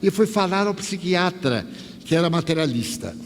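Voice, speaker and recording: A man's voice: sits high, moderate pace. Man telling a story in an echoey hall. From Bahia, Brazil. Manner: animated storyteller, acts out dialogue with dropped voice. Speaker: spiritist lecturer. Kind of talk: storytelling lecture. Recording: echoey hall with faint hiss.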